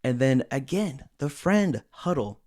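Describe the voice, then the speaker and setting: A young adult man hosting a solo commentary podcast, animated and sarcastic, slipping into mocking impressions. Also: mid-range voice, measured pace. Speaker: host.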